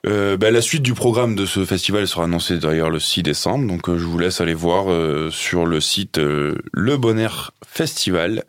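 A man's voice: deep voice, normal speed, few pauses, dry recording, studio quality. A man presenting music news on a casual radio show, chatty, with many fillers and restarts.

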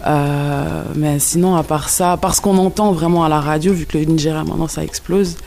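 A woman singer from Switzerland and Cape Verde, answering interview questions in a relaxed, hesitant way with many fillers. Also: low-pitched, moderate pace, vocal fry.

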